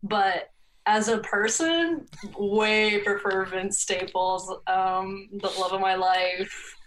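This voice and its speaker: A woman's voice: medium pitch, takes it slowly, a little hiss or hum, low-quality recording. Laid-back young woman, rambling with fillers. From California. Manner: relaxed, rambling, laughs often, filler-heavy. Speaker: podcast guest. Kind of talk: casual interview chat.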